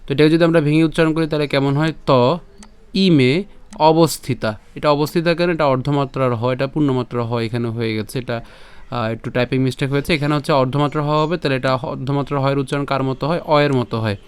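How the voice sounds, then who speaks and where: A man with a Bengali accent teaching Sanskrit verse pronunciation, patiently breaking each line into syllables and repeating it slowly. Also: mid-range voice, steady tone, clean tone, no echo. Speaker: Gita recitation teacher. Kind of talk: pronunciation lesson.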